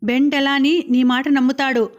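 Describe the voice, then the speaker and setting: A woman's voice: high-pitched, little pitch movement, moderate pace, lo-fi sound, close to an everyday voice. A woman voicing a scheming young man who pushes his diamond heist plan, in an audiobook. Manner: pushy and persuasive. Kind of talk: audiobook character reading.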